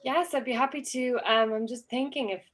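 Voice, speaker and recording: A woman's voice: sits high, fairly even intonation, fairly quick. A woman who grew up in Switzerland, answering on a panel in a thoughtful way and often restarting her sentences. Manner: thoughtful, self-correcting, with restarts. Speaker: panelist, alumna.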